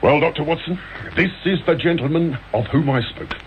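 A man's voice: on the high side, normal speed, close to an everyday voice. A man acting an eager, deferential police inspector in a radio drama, chatty and colloquial, with a working-class English accent. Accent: British, working-class English. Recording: muffled, noisy old radio broadcast recording.

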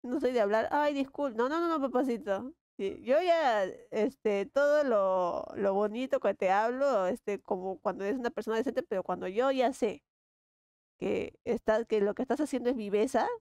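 A woman with a Peruvian accent chatting casually while she draws, lively and slangy, laughing often. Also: a little high, normal speed, clean tone, no room sound, studio quality. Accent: Peruvian Spanish. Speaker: illustrator vlogger. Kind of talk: casual chat while drawing.

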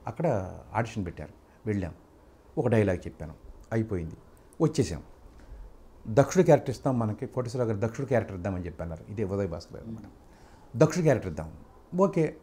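An older man, a film actor, recounting his career in a soft-spoken, casual interview manner, speeding up when he retells conversations. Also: mid-range voice, slightly rough.

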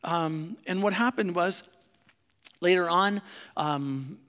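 A man preaching a sermon in a conversational way, with fillers and restarts, and slowing softly on reflective lines. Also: high voice, long reverb tail. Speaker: pastor. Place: church sanctuary.

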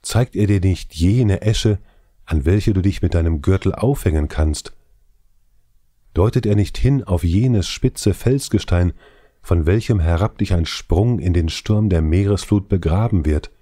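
A male audiobook reader voicing a despairing young princess in anguished, lamenting declamation, his low dark voice pitched up a little. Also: a little slow, husky, no echo, studio quality. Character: despairing young princess, abducted king's daughter. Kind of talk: scripted audiobook reading.

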